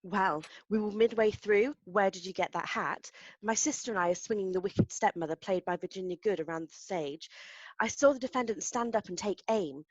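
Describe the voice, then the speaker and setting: A woman's voice: mid-range voice, moderate pace, dry recording, lightly acted. Earnest pantomime actress witness, played by a woman, in a dry, muffled recording. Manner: earnest storytelling testimony.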